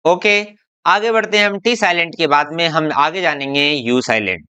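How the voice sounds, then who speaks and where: A man with an Indian accent teaching a classroom-style lesson, slowly drilling example words one at a time. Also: on the high side, pushed and bright, smooth. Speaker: English teacher.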